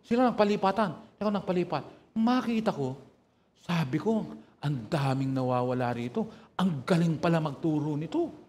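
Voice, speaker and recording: A man's voice: fairly high pitch, moderate pace, a little hiss or hum. A male pastor from the northern Philippines preaching a sermon, telling stories and calling for amens from the congregation. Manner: animated storytelling, calls for amen from the congregation.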